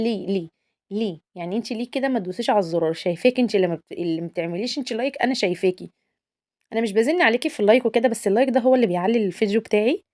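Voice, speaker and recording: Mid-range with a darkish tone, this voice belongs to a young Egyptian cooking channel host with an Egyptian Arabic accent. Chatty and coaxing, she calls her viewers girls, shows off her cooking, and nudges them to like the video.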